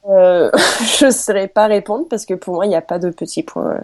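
A woman's voice: medium pitch, moderate pace. A woman talking as a guest on a music chat show, giving hesitant, brief answers. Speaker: guest panelist. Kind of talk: casual chat.

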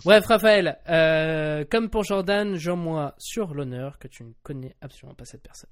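A man's voice: a little high, normal speed, no room sound, studio quality. A man hosting a music talk show, upbeat and jokey, with emphatic introductions. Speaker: podcast host.

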